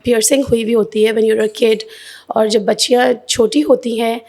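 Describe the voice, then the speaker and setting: A woman from Pakistan in her forties, talking as a guest on a podcast. Her voice sits a little high. She chats easily and slips English words in as she talks. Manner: mixes English into Urdu, animated. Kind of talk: casual conversation. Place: podcast studio.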